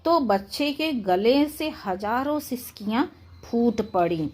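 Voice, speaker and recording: Slow, deliberate woman teacher. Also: fairly high pitch, expressive, a little mellow. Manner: reads English slowly, then explains line by line. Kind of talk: explaining an English lesson in Hindi.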